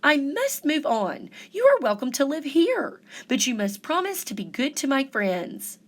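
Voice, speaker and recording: Gentle, polite boy-crab hero for a storybook, played by a woman, earnest and very expressive. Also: high-pitched, unhurried, voice pushed up, exaggerated voice. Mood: fond, earnest. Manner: earnest, admiring, courteous.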